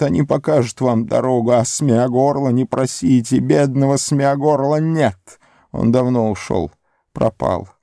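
A man's voice: medium pitch, vocal fry, mellow, dry recording, studio quality, pitched above the performer's own voice. A man voicing Gollum, a wretched, cunning creature who whines, hisses and pleads in an audiobook. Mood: whining. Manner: whining, hissing, pleading. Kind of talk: audiobook character voice.

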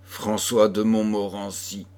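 A grieving mother weighed down by a dark secret, speaking gravely and with sorrow in a storybook reading, as a man voices her in his own low voice. Her words come slowly and heavily. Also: little pitch movement.

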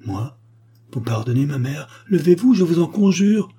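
A man's voice: medium pitch, moderate pace, warm tone, husky, pitched above the performer's own voice, natural voice. A man voicing an anguished young noblewoman in an audiobook reading, with pleading, breathless questions.

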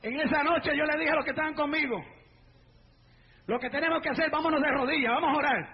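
A man preaching a fervent Pentecostal sermon, breaking into shouts and repeated hallelujahs. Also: extremely high pitch, quick pace. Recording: muffled live recording with faint noise.

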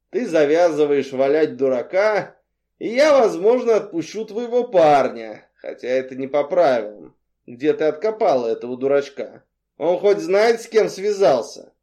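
A menacing, smug crime boss, as a man reads him in an audiobook calls out in a slow, drawn-out, mock-tender croon. The voice sits a little high and pushes loud. Its tone stays mellow under the gloating. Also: expressive. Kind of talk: audiobook character reading.

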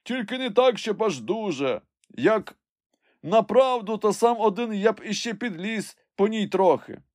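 A man voicing a stocky, simple-spoken male servant who calls down plaintively from high in a tree, in an audiobook. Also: animated, a little slow, a little mellow, no echo, studio quality. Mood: fearful.

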